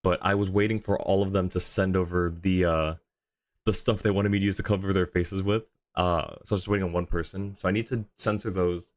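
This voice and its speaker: Here a deep-voiced man runs a relaxed livestream, his tone steady and his pace a little quick. Friendly and talkative, he greets and thanks his viewers in turn.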